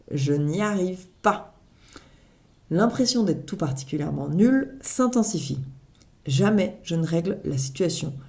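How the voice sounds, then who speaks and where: A woman's voice: fairly low pitch, mellow. A woman reading her own blog article aloud as humorous personal narration, with wry, self-mocking asides.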